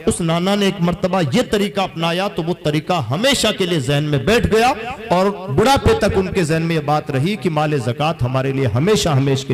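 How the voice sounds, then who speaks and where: Man, preacher, fairly high voice, earnest sermon, rhetorical questions. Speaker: Islamic preacher.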